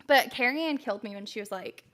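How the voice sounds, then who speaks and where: A young woman co-hosts a casual podcast, talking in a chatty run with many fillers. Her voice is bright and clear. She slips into little acted-out quotes as she talks. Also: fairly high pitch, lively intonation, fast. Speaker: podcast co-host. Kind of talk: casual chat recap.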